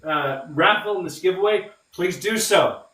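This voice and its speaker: A man's voice: high-pitched, moderate pace, fairly bright tone. A man co-hosting a casual livestream, chiming in with informal remarks. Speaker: podcast co-host. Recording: echoey room, distant microphone.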